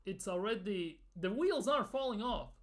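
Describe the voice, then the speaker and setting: A man's voice: high voice, expressive, normal speed. A man ranting in a football fan commentary video, exasperated and sarcastic, with some swearing.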